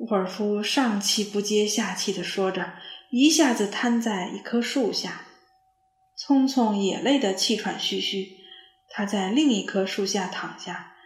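Slow, expressive woman storyteller. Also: mid-range voice, reverberant. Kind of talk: children's story narration.

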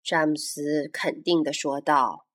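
A woman narrating a children's story serial in an expressive, animated way. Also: sits low, a little slow.

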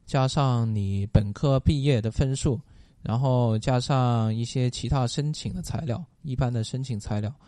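A man answering interview questions who lays out his points one by one, pausing often on fillers. His voice is dark and mellow. The sound is close and dry. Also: mid-range voice, no echo. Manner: explanatory, methodical, with many fillers. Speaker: guest.

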